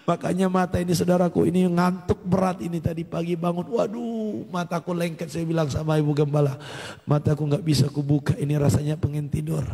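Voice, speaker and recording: A man preaching with a husky, slightly high voice that rings in a long hall reverb. He tells his story animatedly, acting out the dialogue and breaking into hallelujahs, like a pastor at a church service. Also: monotone, fast talker, warm tone. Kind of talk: sermon testimony at a morning prayer service.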